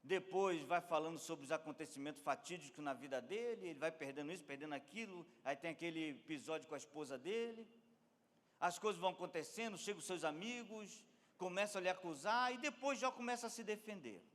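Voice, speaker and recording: A man, a bishop preaching a sermon, swinging from quiet storytelling to emphatic near-shouting. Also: a little high, lively intonation, brisk. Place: large church hall. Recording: long reverb of a large hall.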